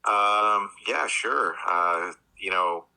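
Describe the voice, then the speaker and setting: A man's voice: fairly low pitch, extremely slow, creaky, sharp tone, rough recording. A man calling in as a guest, heard through a phone on speakerphone, talking casually and hesitantly, often repeating his words. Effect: heard over a phone on speaker. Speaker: sibling called in as a guest.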